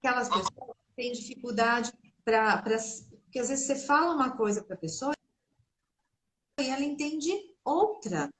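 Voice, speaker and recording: A woman's voice: fairly high pitch, lively intonation, normal speed, a bit bright, poor audio. A woman guest speech therapist explaining in a conversational way on a video call, with many tag questions. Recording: faint noise and clicks on a call.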